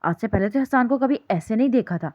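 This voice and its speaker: A woman's voice: a little high, dry recording. Woman narrating a novel, dull recording. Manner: steady storytelling read.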